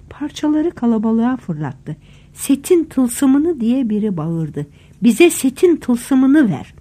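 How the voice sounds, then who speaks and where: Husky-voiced woman narrating a dark tale. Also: a little high. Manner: dramatic, vivid first-person storytelling. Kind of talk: audiobook narration.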